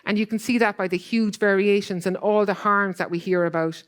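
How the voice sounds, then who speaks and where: A woman speaks at a conference at a middle pitch. Her delivery is earnest and quick. She fills her sentences with "kind of" and "like" as she goes. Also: steady tone, clean tone. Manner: earnest, fast, loose with fillers like "kind of". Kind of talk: conference talk. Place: conference hall.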